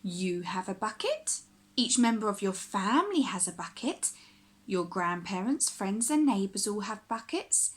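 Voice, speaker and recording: In a mid-range voice, a woman reads a children's picture book aloud in the manner of a primary teacher, using expressive, deliberate phrasing suited to little listeners.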